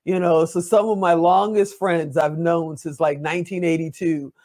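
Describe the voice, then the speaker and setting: A woman's voice: lowish voice, fairly even intonation, normal speed, darkish tone. Chatty encouraging lady host in her 50s, army vet, rambles a bit. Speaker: talk show host, veteran. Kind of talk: interview conversation.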